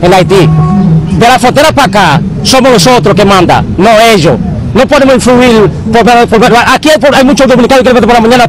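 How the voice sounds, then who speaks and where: A man answering a reporter in a heated street interview, repeating himself and stumbling over words. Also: very high-pitched. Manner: insistent, repeats himself, stammers. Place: busy street outdoors. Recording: noisy street, crowd around. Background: traffic and crowd.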